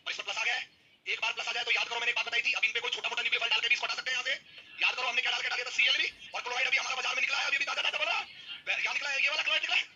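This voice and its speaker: Fast, bright-voiced male chemistry teacher. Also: high-pitched, a little hiss or hum. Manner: energetic, keeps prodding students to answer. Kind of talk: classroom lecture.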